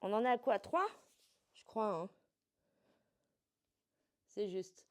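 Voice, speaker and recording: A woman fitness coach guiding a workout step by step, calmly cueing each movement and breath. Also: mid-range voice, slow. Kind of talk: guided workout instruction.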